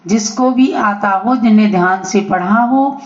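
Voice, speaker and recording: A woman teacher explaining a grammar lesson in a slow, deliberate way, stretching out her examples. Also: mid-range voice. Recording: echoey, dull lo-fi audio.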